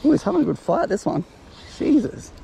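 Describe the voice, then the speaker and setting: Man, Australian accent, young adult, gravelly, mellow, excitable fishing chat, outdoors on a lake bank. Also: very high-pitched, a little fast, slight background noise. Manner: excited, swears, cheers fish on. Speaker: fishing vlogger. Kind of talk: casual chat while fishing. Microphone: chest-mounted action camera.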